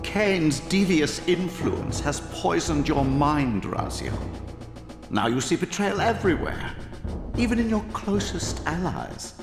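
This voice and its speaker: A man's voice: on the high side, very animated, takes it slowly, heavily acted. An actor playing a manipulative old sorcerer in a video game, reproachful and theatrical as he pleads his case. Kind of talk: dramatic video game voice acting. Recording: echoey hall reverb, music behind.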